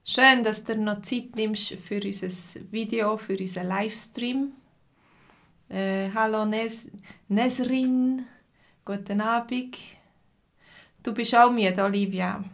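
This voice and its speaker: In her live stream lesson, a Swiss woman with a Swiss German accent welcomes viewers by name and explains slowly and simply, peppering her speech with fillers. Her voice is mid-range and steady, with a fairly bright tone.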